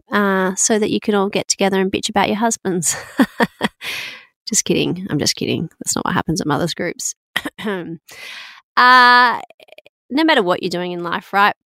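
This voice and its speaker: A woman's voice: medium pitch, vocal fry, a bit bright, no echo. A middle-aged woman hosting a podcast alone, talking frankly, swearing freely and laughing at herself. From Australia. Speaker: podcast host. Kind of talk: casual solo podcast monologue.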